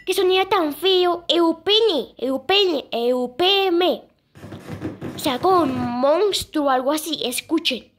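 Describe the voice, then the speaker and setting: A young girl casually presenting sound clips, pausing often and repeating "listen" and "I mean". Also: extremely high pitch, lively intonation, soft background music. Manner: halting, repeats "escuchen" and "o sea". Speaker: video creator presenting moon sounds.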